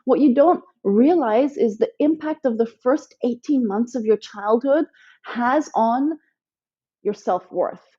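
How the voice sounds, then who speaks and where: A woman's voice: on the high side, takes it slowly, warm tone, breathy edge, dull audio. A woman coach, born in Thailand and raised in Nepal, explains her ideas at length in a podcast interview, with many fillers. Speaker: guest coach for women.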